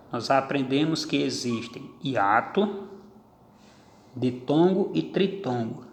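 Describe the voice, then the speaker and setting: A man teaching a grammar lesson, explaining step by step and counting out syllables one by one. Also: mid-range voice. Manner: slow, deliberate, spells out syllables. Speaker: Portuguese teacher. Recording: echoey room with long reverb.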